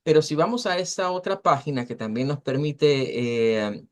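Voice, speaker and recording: A man with a fairly high voice gives an online lesson on English pronunciation, speaking in Spanish. He's patient, says words slowly over and over, and leans on lots of filler words.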